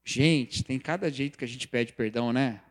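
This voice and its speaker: A man preaching a sermon, lively and conversational, acting out the quoted voices of people he talks about. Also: mid-range voice, normal speed. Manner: animated, acts out quoted voices, mocking examples. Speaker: pastor or preacher.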